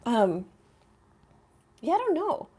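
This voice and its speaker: A middle-aged woman teaching painting in a casual live studio chat, hoarse with a frog in her throat, often clearing her throat and apologizing. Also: sits high, dark tone. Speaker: painting instructor. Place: home art studio.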